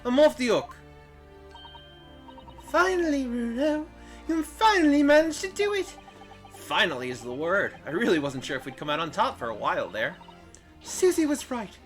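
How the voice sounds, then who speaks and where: A man voicing a brash young street girl in a video game, talking excitably and ungrammatically. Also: very high voice, moderate pace, pauses often, faint music behind, exaggerated voice. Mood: thrilled.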